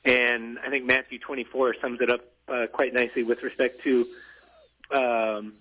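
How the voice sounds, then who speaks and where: Husky, forceful radio show caller on a phone line. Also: male voice, mid-range voice, little pitch movement. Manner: eager, agreeable, quick to affirm. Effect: radio show caller heard over a phone line. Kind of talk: casual call-in chat.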